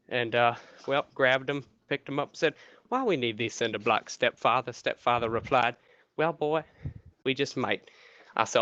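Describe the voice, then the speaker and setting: A man telling a rambling, profane anecdote in a deadpan way, in a muffled, dry recording. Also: medium pitch, clear, resonant tone, no echo. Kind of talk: casual spoken anecdote.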